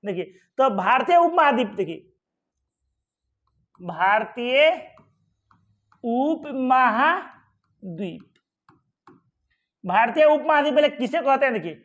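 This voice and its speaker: Slow and full of pauses, this male teacher has a very high, fairly bright voice with lively intonation, captured in lo-fi sound. At a map during an exam-prep geography lesson, he asks questions, answers them himself, and often says "ठीक है" and "आराम से" to reassure.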